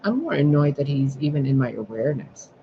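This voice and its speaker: A spiritual sign reader talks to camera in a casual vlog, his fairly high, sing-song voice moving briskly as he rambles, swears freely, and vents about his day. The recording is dull and lo-fi with clear background noise.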